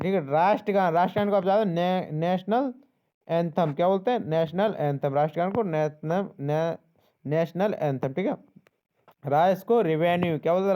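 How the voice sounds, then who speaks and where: A man's voice: high-pitched, mellow. A young man tutoring exam questions in a casual spoken lesson, repeating each answer back and checking in with the listener. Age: young adult. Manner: repeats answers and asks "ठीक है?" often, restarts words.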